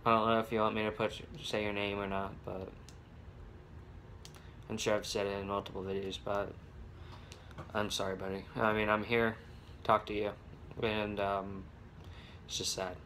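A man's voice: lowish voice, little pitch movement, moderate pace, fairly bright tone, slight background noise. A young man making a casual home vlog on his phone, rambling with many restarts and fillers. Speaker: vlogger. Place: home with babies heard nearby. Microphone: phone camera.

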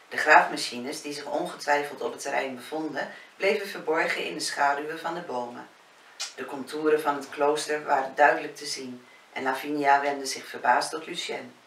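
A woman author reading her own novel aloud in a calm audiobook narration. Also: low-pitched. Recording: roomy, distant, faint hiss.

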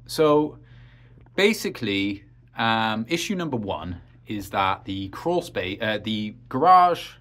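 A man walking through his home heating system in a casual vlog, talking in a rambling, practical way with many ums and uhs, from a cramped crawl space and utility room. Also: lowish voice. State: out of breath after crawling.

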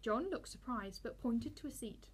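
Brief: teacher reading a children's story aloud, somewhat high and husky. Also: female voice, moderate pace. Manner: steady storybook reading with small slips.

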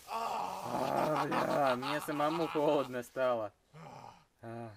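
A young man chatting and joking casually to a camera in rough, slangy street-lad talk with some swearing. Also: fairly high pitch, takes it slowly, a crowd in the background. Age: young adult. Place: small wood-panelled sauna room. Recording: noisy action-camera sound with clicks.

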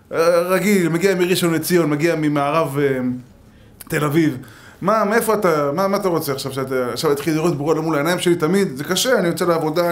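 A rabbi with a somewhat high voice teaches a Torah lesson, telling lively stories and acting out quotes and jokes along the way.

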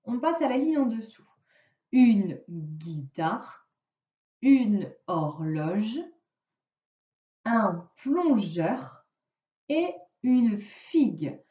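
Slow, careful woman teacher, distant and roomy. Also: high voice, darkish tone, highs cut off. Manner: slow, carefully articulated word dictation. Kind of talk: remote phonics lesson for a child. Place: at a computer, recording the lesson.

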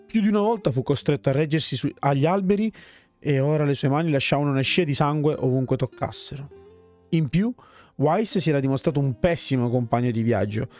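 Guy narrating game text, kinda high voice, steady reading. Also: brisk, faint music behind. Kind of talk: reading game story aloud.

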